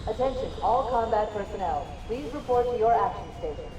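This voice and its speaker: An actress voicing a female shipboard announcer, giving calm, clipped orders over a ship's PA system. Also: medium pitch, brisk. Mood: calm urgency. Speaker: ship announcer. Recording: echoey PA from far off.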